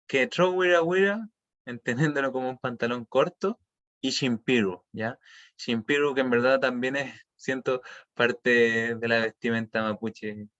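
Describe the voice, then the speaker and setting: A man's voice: medium pitch, a bit bright, lo-fi sound. A man teaching an online language class, explaining patiently and checking often that students follow.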